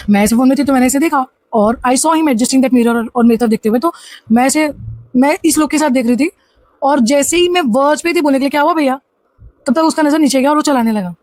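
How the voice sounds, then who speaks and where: A woman vlogger telling a personal story to camera in a casual, animated way, restarting sentences as she goes. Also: sits high, dry recording.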